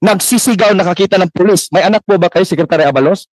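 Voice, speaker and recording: At a formal public hearing, a church minister gives impassioned, deferential testimony full of polite particles. He speaks quickly in a high voice. The recording is low quality but has no echo.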